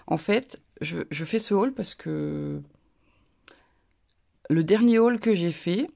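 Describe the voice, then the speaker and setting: Gravelly chatty woman with a northern French accent. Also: low voice, dark tone. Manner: chatty and rambling, with frequent asides. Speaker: crafting YouTuber. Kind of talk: casual haul video chat.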